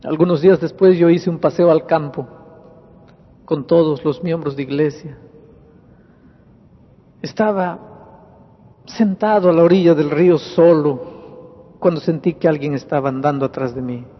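A man preaching as a pastor, telling a story dramatically, dropping to a hush and rising to shouts as he acts out the people in it. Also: on the high side, unhurried, pauses often, slightly rough. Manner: dramatic, swings from hushed to shouted when quoting. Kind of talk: sermon storytelling. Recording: echoey hall, dull lo-fi sound.

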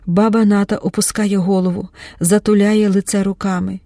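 A woman's voice: level tone, moderate pace, mellow, no room sound, studio quality. A woman narrating an audiobook in a dramatic reading style, changing her voice for each character. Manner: shifts pitch and pace to voice the characters.

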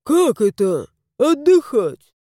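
A woman's voice: on the high side, huge pitch swings, slow, warm tone, dry recording, clean studio sound, exaggerated voice. A woman voicing an anxious, fussy little male house spirit in a storybook, agitated and scolding.

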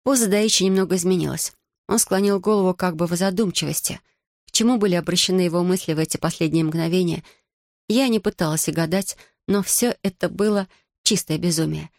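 A woman narrating a first-person audiobook in a steady, measured reading voice. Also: lowish voice, no room sound, studio quality.

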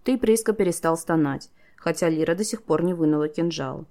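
A woman narrating an audiobook in a steady storytelling manner, voicing the characters herself. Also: low voice, a little fast. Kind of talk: scripted narration.

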